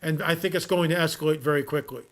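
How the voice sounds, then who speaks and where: A man's voice: steady tone, fast. A man hosting a talk radio show, talking earnestly and repeating his points for emphasis. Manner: earnest, repetitive, emphatic pitch. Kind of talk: talk radio monologue and live ad read.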